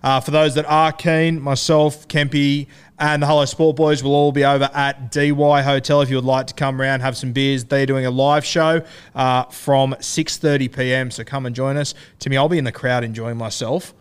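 An Australian man hosts a sports podcast, chatting casually about fantasy rugby league in a broad, slangy, blokey style. His medium-pitched voice is clean and level, at a moderate pace.

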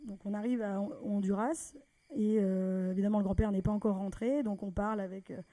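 A French woman telling a personal story in a lively, conversational way, often acting out the people she quotes. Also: mid-range voice, fairly quick. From France.

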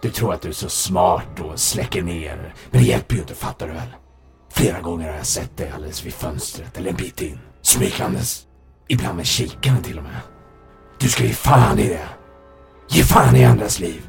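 A man voicing a cold, menacing masked man whose voice runs through a metallic voice changer, hushed and threatening, in an audiobook. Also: deep voice, creaky, music in the background. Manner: hushed, threatening, spits curses. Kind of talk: audiobook narration.

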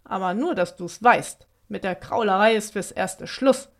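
An aging storybook witch, lonely and stubborn, who scolds in a huffy way, put on by a woman reading aloud. She talks with a slightly raised pitch and swings quickly between grumbling and begging. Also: natural voice.

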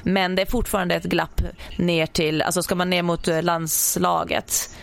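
A young woman, a sprinter, chatting casually and telling stories in an animated way, acting out her own reactions. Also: fairly low pitch, vocal fry. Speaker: podcast guest, sprinter. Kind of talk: casual chat.

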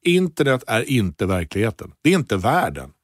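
A man in a casual podcast chat, a stand-up comedian who tells stories with lots of restarts. His pitch is mid-range but leaps up sharply when he gets excited. He is recorded close and dry with no room sound. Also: dry recording. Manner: animated storytelling, restarts, voice jumps high when excited.

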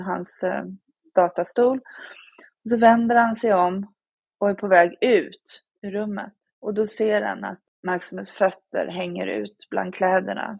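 Gravelly, husky woman telling a painful story. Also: medium pitch, a little mellow, dry recording, highs cut off. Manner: halting, many fillers and restarts. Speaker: bereaved mother telling her story. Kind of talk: personal testimony on a podcast.

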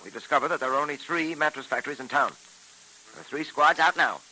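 An actor playing a brisk, authoritative American police detective in old radio drama style, clipped and decisive. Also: male voice, on the high side, sharp tone. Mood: intent, businesslike. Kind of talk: 1940s radio drama acting. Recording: hissy, noisy old radio recording.

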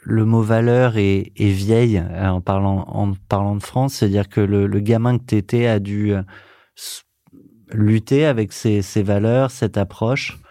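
A man hosting a podcast, asking questions in a halting way with many fillers. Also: fairly low pitch, steady tone, mellow, dry recording, clean studio sound. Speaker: podcast host. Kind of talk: casual interview questions.

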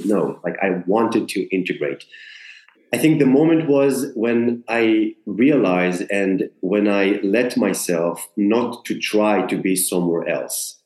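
Recorded with a roomy echo, a man from Israel, an actor, talks earnestly in a conversational interview. His lowish voice is a little mellow, and he frequently restarts as he hunts for the right words.

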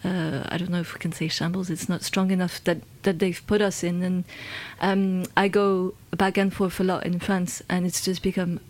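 A woman's voice: lowish voice, flat delivery, moderate pace, few pauses. A London-born woman, a guest in a conversational interview, talking in a hesitant way with many fillers and restarts.

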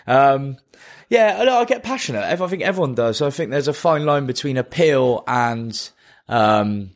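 An Englishman with a medium-pitched voice co-hosts a sports podcast. He chats casually and banters in a jokey, self-mocking manner. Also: expressive, moderate pace. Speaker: podcast co-host.

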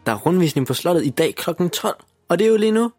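A man's voice: high-pitched, lively intonation, a little mellow, no room sound, soft background music, pitched above the performer's own voice. A man voicing a boy in a storybook who mutters dry remarks and eagerly changes the subject.

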